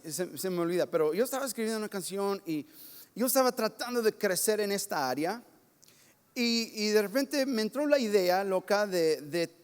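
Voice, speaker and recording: A man preaching a sermon as pastor, telling lively, self-mocking stories from his own life. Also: high-pitched, clean tone. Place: church sanctuary. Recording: long church reverb.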